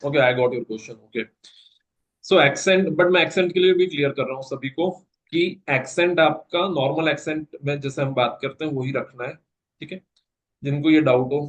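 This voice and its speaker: A man's voice: fairly high pitch, moderate pace, lo-fi sound. A man with an Indian English accent teaching an online placement class, patiently explaining and mixing Hindi with English. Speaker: placement trainer.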